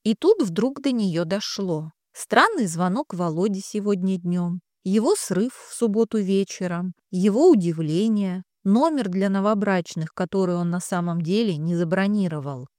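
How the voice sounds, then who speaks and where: A woman narrating an audiobook in an even, measured reading. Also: mid-range voice, no echo, studio quality. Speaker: audiobook reader. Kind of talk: scripted narration.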